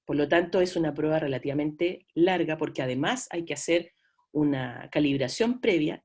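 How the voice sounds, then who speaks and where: A woman with a Chilean accent gives a lecture in a friendly, conversational way. Her voice sits a touch low for a woman. She is middle-aged and fills her explanations with small hesitations and asides to her students. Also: a little mellow, husky. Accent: Chilean Spanish. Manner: chatty, addresses students as "chiquillos", frequent fillers. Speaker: lecturer in audiology. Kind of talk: online class lecture.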